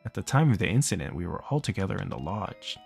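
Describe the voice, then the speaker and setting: A man's voice: sits low, very animated, quick pace, creaky, a little mellow, soft background music. A man reading a visual novel's text aloud for a let's play, narrating plainly and stopping now and then to joke and laugh. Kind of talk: reading game text aloud with casual asides.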